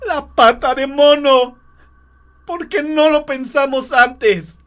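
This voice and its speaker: Man voicing a desperate grieving mother: high, shrill, pleading cries. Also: steady tone, slow pace, a bit bright, full character voice.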